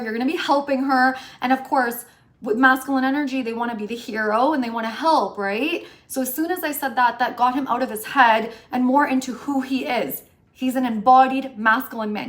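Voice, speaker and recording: A woman in her late thirties, a relationship coach, talking to her viewers in an animated, chatty way and often asking "right?". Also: high-pitched. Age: 30s. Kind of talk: casual chat to camera.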